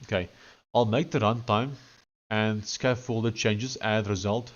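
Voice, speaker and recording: A man's voice: fairly low pitch, steady tone, a little slow, lo-fi sound. A man with a thick Afrikaans South African accent, chatting casually on a coding live stream and dictating instructions.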